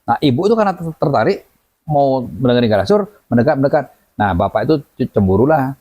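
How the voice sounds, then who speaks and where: A man telling a story as a guest in a lively way, acting out the voices of the people in it. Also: mid-range voice, fast. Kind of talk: animated storytelling. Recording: dull lo-fi audio.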